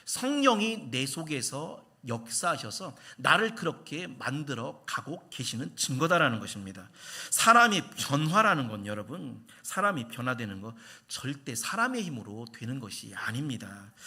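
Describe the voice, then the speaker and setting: A man's voice: mid-range voice, very animated, normal speed, few pauses, pushed and bright, husky. A man preaching a Sunday sermon as senior pastor, telling stories and asking the congregation questions.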